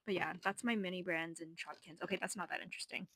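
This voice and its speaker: A woman's voice: lowish voice, fairly even intonation, fast talker, a bit bright. A young woman in her twenties giving a rambling, self-deprecating room tour, a little out of breath. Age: 20s. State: slightly out of breath. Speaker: vlogger. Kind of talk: casual room tour narration.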